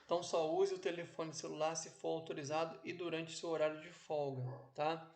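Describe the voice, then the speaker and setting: Recording a class at home, a man from Brazil talks slowly and deliberately in a slightly high, darkish voice with little change in pitch. He elongates his phrases and checks in after almost every point with "ok?" or "né?", while background noise sits underneath.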